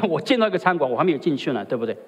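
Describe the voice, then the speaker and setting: A man preaching a sermon in a husky voice, his pitch swinging widely as he presses each point. He keeps turning to the congregation with rhetorical questions. The long reverb of a large hall trails after every phrase. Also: sing-song, racing. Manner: rhetorical, often asks the listeners "right?". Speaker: pastor.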